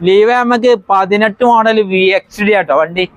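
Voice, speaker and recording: A man with a Kerala Malayalam accent giving an informal seller's pitch, mixing English words into his Malayalam. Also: moderate pace, no echo. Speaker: used car seller.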